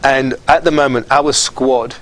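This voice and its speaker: A middle-aged man answering interview questions, earnest and halting, often repeating words. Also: mid-range voice, steady tone, a bit bright, poor audio. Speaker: football association official.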